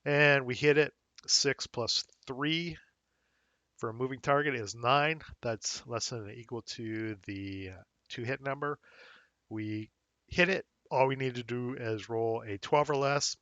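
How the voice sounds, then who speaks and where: A man hosting a wargame rules tutorial, talking casually and thinking aloud with fillers as he checks the rules, a little hoarse. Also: medium pitch, unhurried, pushed and bright, no echo, dull audio. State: slightly hoarse, losing his voice. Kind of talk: screen-recorded game rules walkthrough.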